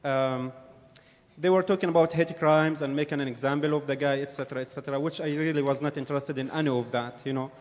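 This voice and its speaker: A man's voice: fairly high pitch, fairly even intonation. Earnest man testifying in a reverberant hall. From Jordan. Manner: earnest, halting with repeated words. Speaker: witness giving testimony. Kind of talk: formal public testimony. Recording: reverberant hearing room.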